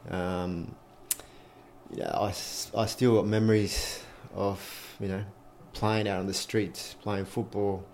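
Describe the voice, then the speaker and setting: A man's voice: fairly low pitch, little pitch movement, takes it slowly, a little mellow, a little hiss or hum. A man in his forties from Chile, a former player and coach, chatting casually as a guest in his own home. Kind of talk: casual interview answers.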